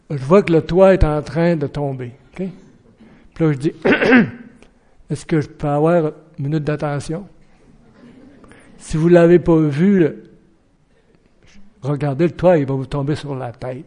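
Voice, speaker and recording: A man preaching a sermon in an earnest way, asking rhetorical questions and acting out shouted warnings. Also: a little high.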